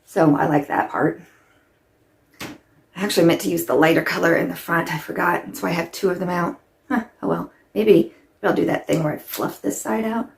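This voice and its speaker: A woman's voice: on the low side, steady tone, normal speed, gravelly, slight background noise. Rambling, chatty woman vlogger. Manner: rambling, chatty, many "like" fillers. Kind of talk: casual chat while doing makeup.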